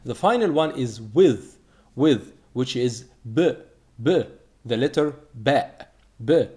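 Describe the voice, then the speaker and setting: A man from Egypt, teaching a language lesson and slowly repeating each word to drill it. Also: medium pitch, animated, warm tone. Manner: slow, repeated drilling of words. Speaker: Arabic teacher.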